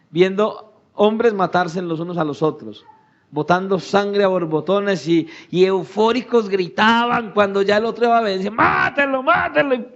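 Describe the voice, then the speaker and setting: Male pastor, high-pitched, fiery sermon with sudden drops to a hush, muffled church recording. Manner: preaching with sudden shouted peaks and hushed low drops.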